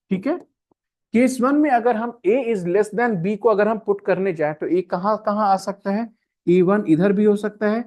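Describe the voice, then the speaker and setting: Teacher who keeps asking if he's right. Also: sits high. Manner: checks with students again and again, mixing Hindi and English. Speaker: coaching teacher. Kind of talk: classroom lecture on a reasoning puzzle. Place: classroom with students.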